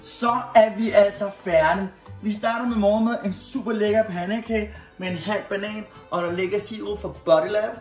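A man's voice: sits high, steady tone. Man, 30s, fitness coach vlogging; playful and chatty, roomy kitchen sound with faint music. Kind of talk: casual cooking vlog. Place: small home kitchen. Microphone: camera at medium distance.

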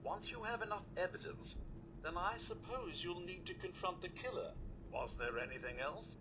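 An actor voicing a courteous, fussy robot butler with formal, deferential phrasing in video game dialogue. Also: male voice, high-pitched, normal speed, background noise, natural voice. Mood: polite.

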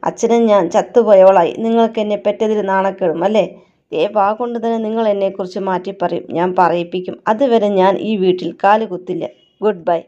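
A woman's voice: mid-range voice, fairly even intonation, brisk, warm tone, lightly acted. A woman voicing a defiant young woman who feels betrayed by her family, emotional and reproachful, on a dull lo-fi recording. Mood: angry.

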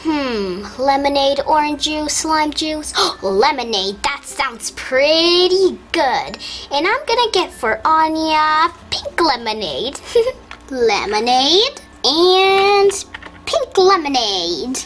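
Brief: woman voicing toddler dolls, very high and bouncy, unhurried. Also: big pitch swings, a bit bright. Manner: high childlike voice, slow and sing-song. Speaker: doll play narrator voicing toddler characters. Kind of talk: doll role-play voices.

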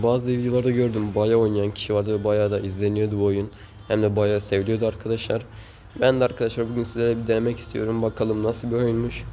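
A man's voice: lowish voice, mellow, a little hiss or hum. A man hosting a gaming channel, giving casual gameplay commentary at home, rowdy and swearing often as he scolds the game's characters.

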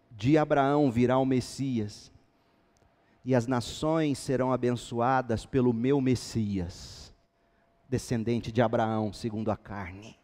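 A man preaching a sermon as pastor, reading scripture and building to loud, emphatic passages. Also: medium pitch. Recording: long hall reverb.

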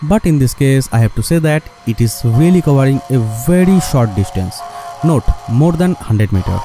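This hobbyist presenter's mid-range voice is dark and expressive, moving at a moderate pace against slight background noise. A second-language English speaker, he narrates a scripted DIY electronics tutorial, addresses viewers directly as "guys," and uses non-native phrasing.

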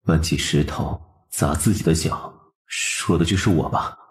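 A man's voice: very deep voice, a little slow, husky, no echo, full character voice. A man playing a reserved, easily embarrassed young nobleman in a historical romance drama, speaking tersely. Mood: embarrassed, rueful. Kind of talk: audio drama dialogue over narrated webnovel.

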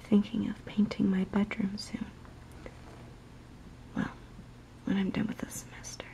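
A young woman speaks in a soft ASMR whisper, gently chatting to her viewers. Her voice is mellow and slightly gravelly, with a slow, soothing murmur that stays unhurried throughout. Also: mid-range voice, completely flat delivery, poor audio. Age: young adult. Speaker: ASMR video maker.

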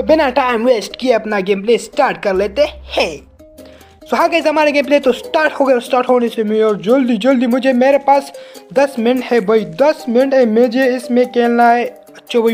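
A man giving excited let's-play commentary as a gaming channel host. He yelps, repeats words over and over, and keeps calling the viewer brother. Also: extremely high pitch.

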